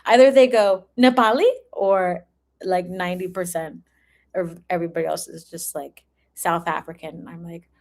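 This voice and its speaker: This tarot reader runs a casual livestream, talking informally with viewers and often dissolving into giggles. Her voice is on the low side and darkish, with vocal fry, a steady tone, and a normal pace.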